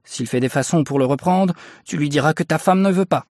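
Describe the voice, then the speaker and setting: A man voicing a middle-aged bargeman's wife who scolds her husband in a shrill, harsh voice, in a storybook reading. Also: a little fast, darkish tone, dry recording, clean studio sound, lightly acted. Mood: commanding. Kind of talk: audiobook character voice.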